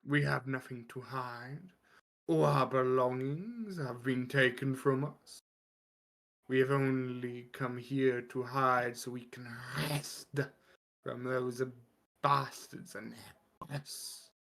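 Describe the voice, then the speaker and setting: A man voices a gruff orc guard for a tabletop game. The orc is guarded and blunt, with a creaky, gravelly edge and slow, unhurried delivery, shrugging things off. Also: mid-range voice, steady tone, a bit bright. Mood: wary, resigned. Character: gruff, wary, indifferent male orc guard.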